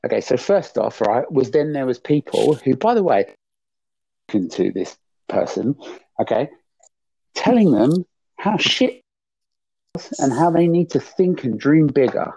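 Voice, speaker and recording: A man's voice: medium pitch, sing-song, unhurried, creaky, long pauses, a little mellow, slightly rough, no echo. A man co-hosting a podcast, ranting in a rambling, exasperated way with some swearing. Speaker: podcast co-host. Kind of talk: casual podcast chat, ranting. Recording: dull lo-fi dry recording.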